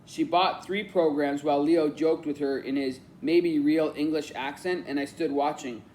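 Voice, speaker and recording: Brief: male audiobook narrator, calm reflective storytelling, a faint hiss behind. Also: fairly high pitch, moderate pace. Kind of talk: scripted narration.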